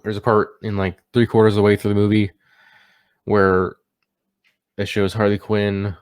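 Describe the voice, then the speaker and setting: A man giving a casual, unscripted movie review, sounding tipsy as he stumbles over words and catches himself. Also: deep voice.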